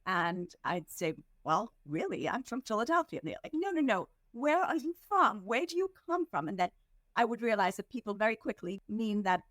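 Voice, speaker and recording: A woman from India, a fundraising executive, gives reflective answers as a podcast guest, speaking in an earnest, measured way and slowing down on the points she wants to stress. Her middle-pitched voice has a sing-song, fairly bright tone. The recording is dry and close, with no room sound or echo.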